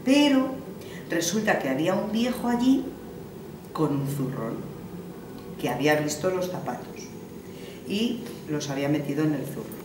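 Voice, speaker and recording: A woman's voice: sits low, expressive, normal speed, pauses often, noisy background. A woman from Spain telling a traditional folktale in a homely way, with fillers and restarts. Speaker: storyteller. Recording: roomy, from a distance, faint ambience.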